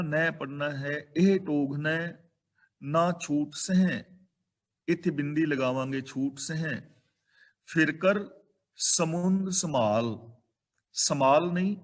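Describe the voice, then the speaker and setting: A man with a Punjabi accent explaining sacred verses. He recites each line slowly, then goes over how to pronounce it and what it means. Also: on the high side. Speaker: scripture teacher.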